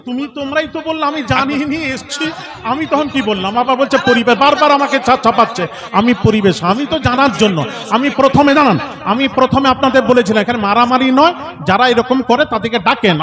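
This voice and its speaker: A man's voice: very high voice, brisk, fairly bright tone. A male cleric arguing insistently at a village gathering, pressing his point and repeating his demands. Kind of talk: heated public debate.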